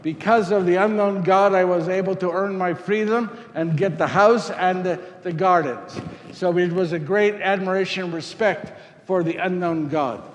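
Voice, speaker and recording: A man's voice: high voice, moderate pace, natural voice. A man playing Saint Luke as an earnest Greek physician, speaking in character and answering audience questions in a rambling, repetitive way. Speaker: costumed presenter. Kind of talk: first-person character talk with audience. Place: parish hall before an audience. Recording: echoey hall, faint noise.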